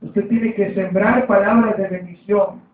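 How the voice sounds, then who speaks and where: A man with a high voice preaches a sermon, circling back to the same points and prompting the room with amens. He sounds distant and roomy, as if heard through a narrow, phone-like line from the back of a church hall. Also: fairly even intonation, unhurried. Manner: repetitive, calls for amen.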